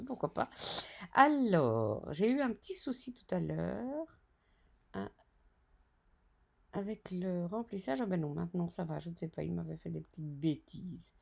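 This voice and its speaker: A woman walks through a design-software tutorial over her screen recording. She talks slowly in a lowish, gravelly voice. She is chatty and narrates every click with small self-correcting asides.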